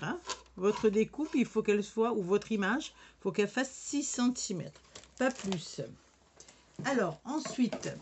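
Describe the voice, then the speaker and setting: A woman's voice: mid-range voice, slight background noise. A woman with a regional French accent demonstrating a sticker machine in a casual, hesitant way, full of fillers and restarts. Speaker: crafting demonstrator.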